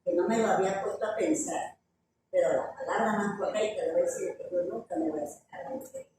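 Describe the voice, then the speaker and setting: A woman's voice: mid-range voice, huge pitch swings, quick pace. A woman sharing a personal testimony with her church group, rambling through the story with filler asides and tag questions. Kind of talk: telling a personal anecdote. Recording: echoey room, voice from far off, background noise.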